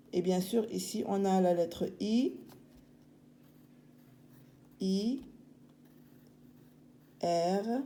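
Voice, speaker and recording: A woman's voice: mid-range voice, dark tone. A woman teacher, patiently walking young children through writing a letter step by step. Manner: slow, patient, step-by-step explaining. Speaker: primary school teacher. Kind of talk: handwriting lesson for children.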